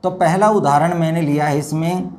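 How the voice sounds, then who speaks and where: A man teaching a Hindi grammar lesson, explaining step by step, repeating words slowly and addressing his viewers as dear children. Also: on the high side, steady tone, darkish tone. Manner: slow, repetitive explanation with drawn-out words. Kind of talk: classroom lesson.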